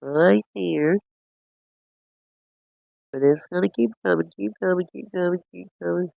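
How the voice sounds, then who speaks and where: A man chatting casually while reviewing footage, rambling and quick to laugh. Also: high voice, creaky, dry recording, narrow, tinny audio. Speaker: cryptid-hunting streamer.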